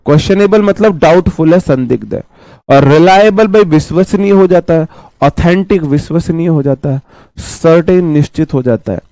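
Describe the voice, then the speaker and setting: Hoarse male teacher, sore throat. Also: a little high, moderate pace, dark tone, no room sound. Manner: chatty, repeats himself, calls students "bhai". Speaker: exam coaching teacher. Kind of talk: online vocabulary class. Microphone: mic placed close.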